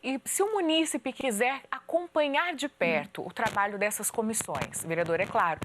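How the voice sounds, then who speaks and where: A woman's voice: a little high, normal speed, background noise. Woman presenter with a polished delivery. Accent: Brazilian Portuguese, São Paulo interior. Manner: clear, practiced presenter delivery. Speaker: TV host. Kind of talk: TV interview and announcement. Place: TV studio of a city council.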